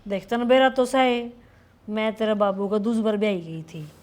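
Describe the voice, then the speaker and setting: A woman's voice: medium pitch, fairly even intonation, normal speed, darkish tone, close to an everyday voice. A woman playing a resentful, self-pitying wicked stepmother with a Haryanvi accent in a village family drama. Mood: bitter grumbling. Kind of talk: web serial family drama acting.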